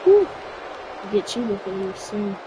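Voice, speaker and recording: A woman giving excited play-by-play commentary on a wrestling video game, now and then shouting at the screen. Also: medium pitch, a little slow, background noise. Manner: excitable, shouting at big moments.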